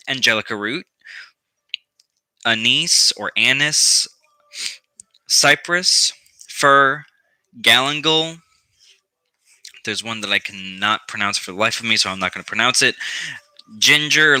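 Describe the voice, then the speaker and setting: A man's voice: mid-range voice, pushed and bright, clean tone, no echo, rough recording. A man giving a casual how-to vlog on occult practice, rambling with lots of ums and restarts and some profanity.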